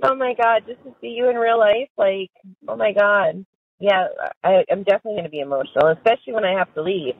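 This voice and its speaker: A woman talks over a tinny prison phone line, and her voice sounds dry and a little husky. She is chatty and giggly, and she strings her thoughts together with lots of fillers. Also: medium pitch, fast, no echo. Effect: recorded prison phone call. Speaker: caller to an inmate. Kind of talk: casual phone chat.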